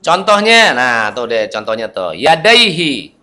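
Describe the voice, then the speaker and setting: A man's voice: medium pitch, very animated, unhurried, sharp tone. A young man teaching Quran reading rules in a casual lesson, chatting loosely, reciting short examples and often correcting himself.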